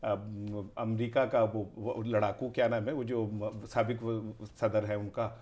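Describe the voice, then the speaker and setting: A man's voice: fairly low pitch, flat delivery, a little mellow. A man giving heated political commentary as an analyst, speaking in an impassioned, rhetorical way and piling up questions.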